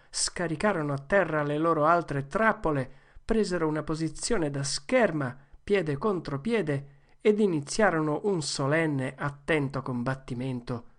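Woman narrator, deep and calm, reading a children's classic. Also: measured pace. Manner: calm, even-paced narration. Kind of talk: storybook reading.

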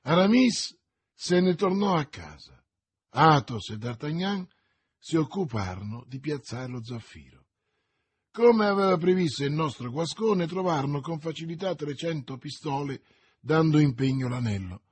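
A man narrating an audiobook in a steady, measured reading voice. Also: on the high side, husky.

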